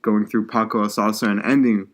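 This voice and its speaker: A man's voice: lowish voice, flat delivery, fairly quick. A young man co-hosting a podcast, chatting casually about sports and often repeating words as he restarts his sentences. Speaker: podcast co-host.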